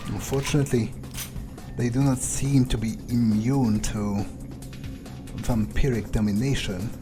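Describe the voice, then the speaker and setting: A man speaks in a natural, medium-pitched voice with a steady tone and an unhurried pace while game music plays behind him. Playing an irritable, foul-mouthed male vampire, he gives in-character roleplay commentary over gameplay, musing aloud hesitantly and sounding wary.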